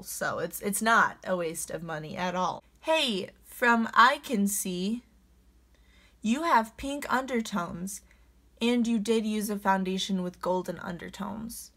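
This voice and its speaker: A woman's voice: medium pitch, measured pace, a bit bright. A young woman chatting casually in a vlog, reading out comments and answering them with sarcastic, sassy retorts. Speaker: beauty vlogger reading comments.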